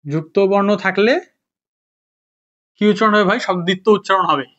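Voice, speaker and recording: A man's voice: high-pitched, fairly quick, fairly bright tone. A young man teaching a casual spoken lesson, asking his students the same questions again and again. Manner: repetitive, drilling questions to students. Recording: dull lo-fi recording.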